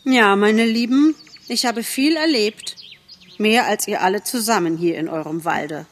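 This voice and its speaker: A woman's voice: medium pitch, takes it slowly, a little hiss or hum, natural voice. A woman reading a boastful young buck. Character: boastful young male deer back from captivity. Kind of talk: audiobook character voice.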